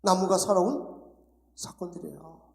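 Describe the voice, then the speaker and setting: A man's voice: sits high, steady tone, normal speed, gravelly. A man preaching a sermon as pastor at a night prayer service, emphatic, acting out quoted voices. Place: church sanctuary. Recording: echoey church hall.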